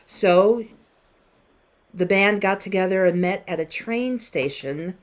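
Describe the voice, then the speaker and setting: Speaking slowly at a medium pitch, a woman in her fifties leads an online class as a guest musician. She chats with the students, sharing stories and putting questions to them.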